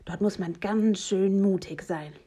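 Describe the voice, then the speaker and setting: A woman's voice: medium pitch, a little slow, dark tone, husky. A woman voicing a cheerful, brave male skunk, bold and coaxing in a storybook. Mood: eager.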